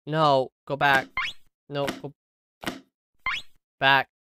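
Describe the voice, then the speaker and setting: A man's voice: mid-range voice, flat delivery, extremely slow, background noise. A man doing let's-play game commentary, bewildered and stammering through his exclamations. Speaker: gaming commentator.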